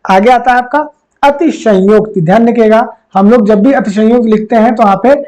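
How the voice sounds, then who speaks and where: A man's voice: very high-pitched, moderate pace, a little mellow, poor audio. A man teaching a Hindi spelling and vocabulary lesson for an exam, repeating each word and asking the viewer questions. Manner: repeats words and quizzes the viewer; calls viewers friends. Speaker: exam tutor.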